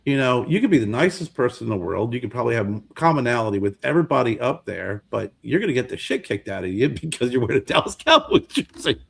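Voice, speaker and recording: A man's voice: mid-range voice, big pitch swings, quick pace, gravelly, hardly any pauses, slightly rough. A man in his fifties co-hosting a podcast, chatting casually and often repeating words as he searches for the next one. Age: 50s. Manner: rambling, repeats words while searching for them. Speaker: podcast co-host. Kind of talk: casual chat.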